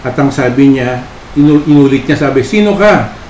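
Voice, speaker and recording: A man preaching at a church service, telling a story in a halting way full of fillers and tag questions. His medium-pitched voice carries through a roomy hall. A faint background ambience sits under his words. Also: level tone, dark tone, slight background noise. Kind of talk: storytelling sermon.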